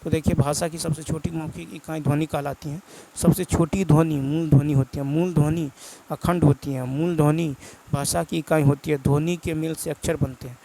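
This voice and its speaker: A man's voice: fairly high pitch, flat delivery, moderate pace, vocal fry, warm tone, a little hiss or hum, low-quality recording. A male teacher, with a Bihar Hindi accent, goes through exam prep answers, reading each question and then repeating the answer.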